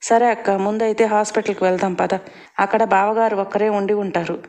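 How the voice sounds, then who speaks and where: A woman voicing a caring, busy adult mother who talks softly and reassuringly. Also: mid-range voice, steady tone, fairly quick, natural voice.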